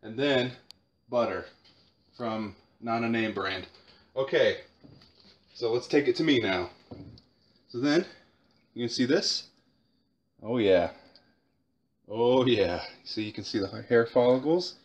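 A man's voice: mid-range voice, takes it slowly, pauses often. Young guy, dry joking delivery, running a spoof cooking tutorial from his kitchen. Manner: deadpan, mock-instructional. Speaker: home cooking video host. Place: home kitchen.

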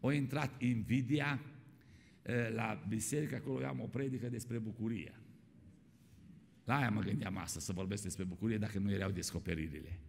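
A man's voice: fairly low pitch, creaky, darkish tone, slight background noise. A man preaching a sermon in a church hall, often calling his listeners "my dear ones" and putting questions to them. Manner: repeats "my dear ones", asks the congregation questions. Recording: long reverb of a church hall.

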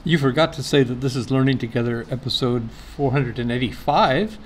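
A man's voice: medium pitch, fairly quick, slight background noise. A man speaking as a guest on a video call, making brief offhand remarks. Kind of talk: casual video-call chat.

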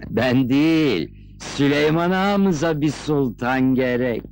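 Deferential village headman, slow, lively tone. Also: medium pitch, a little hiss or hum.

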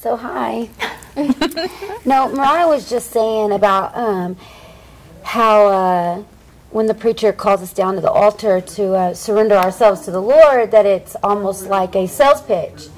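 A woman's voice: medium pitch, unhurried, low-quality recording. A woman guest speaking sincerely and a little hesitantly about faith. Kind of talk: casual faith talk.

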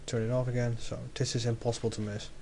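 A young man talks through a screen-recorded coding lesson at a middle pitch, thinking aloud and muttering corrections to himself as he works. A faint hiss sits under his voice from a desktop mic. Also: flat delivery, fast, a little mellow. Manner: thinks aloud, self-correcting and chatty while working. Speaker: game development tutor.

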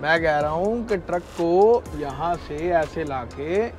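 With faint music behind him, a slightly high-voiced Indian man speaks at a slow pace. The trucker vlogger keeps things animated and casual with his viewers, whom he calls brother, while in his cab and out in a snowy yard.

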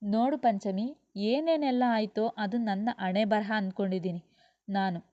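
A woman voicing a gentle, dignified young wife who speaks softly and calmly, in a dull lo-fi recording. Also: mid-range voice, measured pace, no echo, close to an everyday voice.

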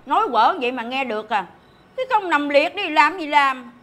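An actress with a Southern Vietnamese accent playing a sharp-tongued older woman of the household who nags in exasperation. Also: high voice, animated, normal speed. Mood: exasperated. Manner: scolding, exasperated nagging. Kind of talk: film acting.

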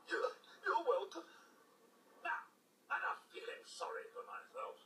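A man's voice: very high voice, wildly swooping pitch, unhurried, sharp tone, slight background noise, exaggerated voice. An actor voicing a loyal, formal male robot butler with a robotic filter, in roomy, distant game audio with music. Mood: dutiful. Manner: formal, stammering courtesy.

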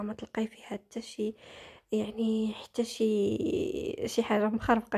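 Casual moroccan lady vlogging her day, husky and fast. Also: mid-range voice, mellow. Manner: chatty, addresses viewers as girls. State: out of breath after stairs. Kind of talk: casual daily-routine vlog.

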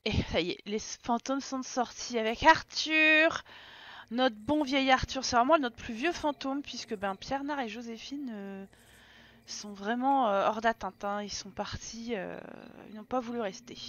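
A woman's voice: on the high side, measured pace, a bit bright. A woman with a French accent giving casual, chatty commentary on her own Let's Play, teasing and scolding the characters on screen.

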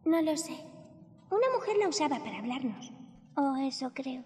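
A woman's voice: sits high, animated, normal speed, darkish tone, slight background noise. A woman voicing an uncertain, timid little girl in a video game dub. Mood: unsure, subdued. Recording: game audio with long reverb.

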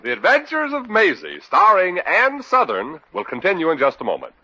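A man's voice: sits high, huge pitch swings, moderate pace. A man announcing a comedy programme in 1940s radio style. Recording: muffled old radio, loud brass music.

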